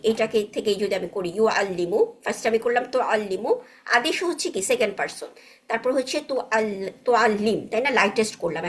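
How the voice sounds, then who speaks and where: A woman's voice: a little high, a bit bright. A woman teaching Arabic grammar in an online class, patiently checking understanding with frequent tag questions and mixing English words into her explanations.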